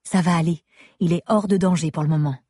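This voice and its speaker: A woman voicing a gentle, soothing nurse. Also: lowish voice, fairly even intonation, fast, husky, no echo, studio quality. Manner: soft, reassuring. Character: gentle hospital nurse, woman, calm and kind.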